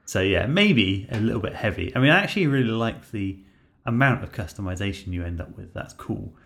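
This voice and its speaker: A man co-hosting a casual gaming podcast, relaxed and hedging as he steers the talk. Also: fairly low pitch, a little fast, gravelly. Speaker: podcast co-host.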